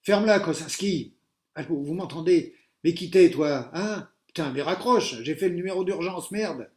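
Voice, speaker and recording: A man voicing a crude, agitated schoolboy yelling into a phone, in an echoey room. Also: a little high, lively intonation, normal speed, pitched above the performer's own voice, close to an everyday voice.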